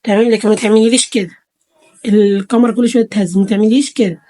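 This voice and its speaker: A woman's voice: mid-range voice, fairly even intonation, racing, dark tone. A woman with an Egyptian Arabic accent giving a chatty home beauty tutorial to her phone camera, talking to her viewers as girls. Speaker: beauty vlogger. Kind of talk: casual tutorial talk to camera. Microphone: phone camera held close.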